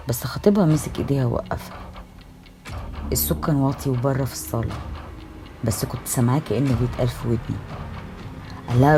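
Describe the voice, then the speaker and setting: A woman's voice: very deep voice, background noise. A woman with an Egyptian accent narrating a horror story in the first person, intense and emotional. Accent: Egyptian Arabic. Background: faint music.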